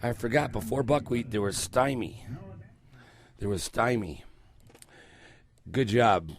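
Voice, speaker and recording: This older morning radio host is hoarse and croaky, his voice returning as he recovers from a cold. Speaking at medium pitch, slowly and expressively, he rambles loosely and swears freely in casual chat through a headset mic hooked around his ear in a small studio.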